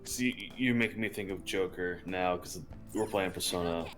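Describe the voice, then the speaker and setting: A man in his twenties co-hosting a game stream, telling meandering stories in a relaxed way with many fillers. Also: deep voice, normal speed, soft background music. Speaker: streamer co-host. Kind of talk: casual chat while streaming a game.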